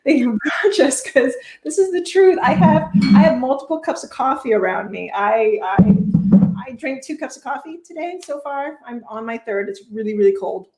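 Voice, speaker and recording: A woman's voice: high voice, lively intonation, moderate pace, darkish tone, faint music behind. Chatty woman co-host in echoey room. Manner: chatty, laughs often, restarts sentences. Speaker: live show co-host. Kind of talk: casual live chat.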